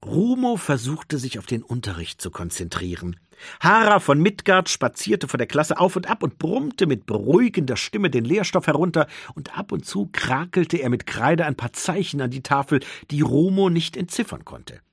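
A man reading a novel aloud as an audiobook narrator, with expressive storytelling. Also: on the high side, moderate pace, vocal fry, husky, dry recording, studio quality.

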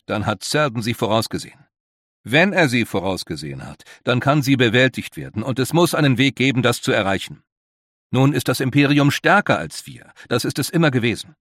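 A man's voice: mid-range voice, very animated, moderate pace, fairly bright tone, no echo, studio quality, voice pushed up. A man voicing a grave, worried older male leader who speaks in an earnest, emphatic way.

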